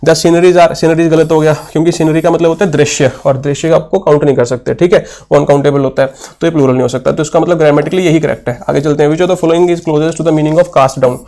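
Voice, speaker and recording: Preparing students for an exam, this young English teacher speaks in a slightly high, steady voice with a dark tone. He reads each question slowly, then patiently explains the answer, posing and answering his own questions. His speech blends Hindi with English terms.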